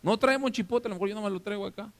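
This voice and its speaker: High-voiced Mexican pastor preaching in a reverberant hall. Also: male voice, rapid-fire. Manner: interactive, keeps checking the congregation is following; animated, acts out scenes for the listeners. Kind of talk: sermon. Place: church hall. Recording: long reverb of a church hall.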